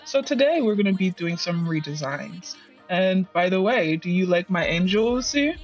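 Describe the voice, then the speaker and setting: A chatty artist narrates a video in a voice altered by a voice changer, so the sex is unclear and the tone sounds artificial. The pitch sits in a middle range and the delivery is earnest, with casual asides. Music plays softly behind. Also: lively intonation, normal speed. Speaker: host, digital artist. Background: background music.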